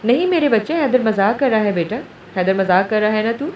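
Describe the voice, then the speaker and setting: A man's voice: high voice, lively intonation. A woman reading a doting, coaxing man. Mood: soothing. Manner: coaxing, affectionate. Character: doting protective man, soothing a girl. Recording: roomy, distant, dull, faint hiss.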